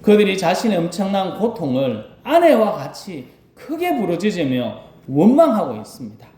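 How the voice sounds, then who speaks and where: A man's voice: high-pitched, wildly swooping pitch, normal speed. A man, a rural pastor, preaching a sermon with Bible reading, dramatic, acting out cries and repeating key phrases for emphasis. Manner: dramatic, acts out cries with sudden loud bursts. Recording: roomy echo.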